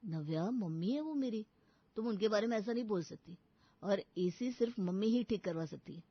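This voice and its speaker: Woman doing a calm tired young husband, dry flat lo-fi sound. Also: mid-range voice, moderate pace, breathy edge, dry recording, voice pushed down. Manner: calm, reasoning.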